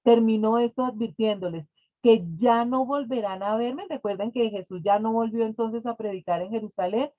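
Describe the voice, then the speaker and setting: A woman's voice: on the high side, normal speed, few pauses, dry recording. A woman teaching a Bible study class, earnest and heartfelt, reading scripture aloud and explaining it to her students. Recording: dry, phone-like narrow sound.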